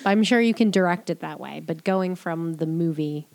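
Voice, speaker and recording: A woman's voice: lowish voice, moderate pace, creaky, darkish tone, no room sound. Matter-of-fact woman co-host. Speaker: podcast co-host. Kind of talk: casual chat.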